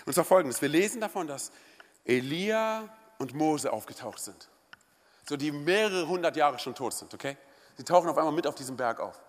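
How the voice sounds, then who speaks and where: A man preaching a lively, conversational sermon to a church congregation, often checking in with a quick question. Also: on the high side. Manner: energetic, conversational, asks the congregation "oder?". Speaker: pastor. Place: church service hall. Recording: live church hall reverb.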